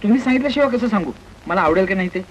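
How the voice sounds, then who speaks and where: A man's voice: high-pitched, lively intonation, racing, muffled recording, slight background noise. An actor playing a joking young male friend who teases and banters in an easy way, in a 1950s film. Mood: bantering. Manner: teasing, bantering.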